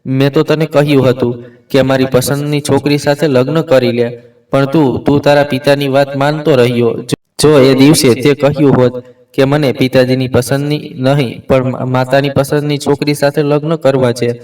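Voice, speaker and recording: A sneering older mother-in-law who belittles the people around her, as a male storyteller reads her. The voice has an everyday middle pitch and sounds a little distant from the mic. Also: little pitch movement, normal speed, darkish tone, natural voice. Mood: scornful.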